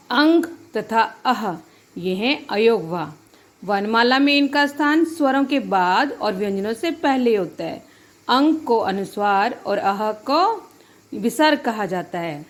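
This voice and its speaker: A woman teacher giving a grammar lesson, patient, repeating each point and checking that her students follow. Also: mid-range voice. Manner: addresses students as children.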